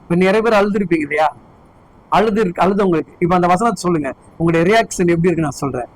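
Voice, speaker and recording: A man's voice: sits high, fast talker, no room sound, rough recording. A man preaching a sermon as pastor, fervently firing repeated questions at his congregation.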